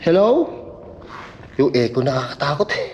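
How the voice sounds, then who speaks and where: A man's voice: on the high side, very animated, moderate pace, lo-fi sound, slight background noise. A man jittery in a cave echo. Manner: nervous, jumpy, swears under breath. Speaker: vlogger. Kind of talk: exploring a cave on camera. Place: deep narrow cave.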